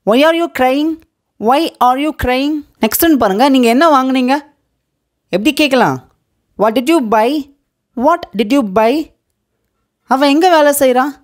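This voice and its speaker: A woman with a Tamil accent teaching a spoken English lesson, saying each question twice with careful, drawn-out repeats and quicker asides between them. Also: high voice. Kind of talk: slow repeat-after-me language lesson.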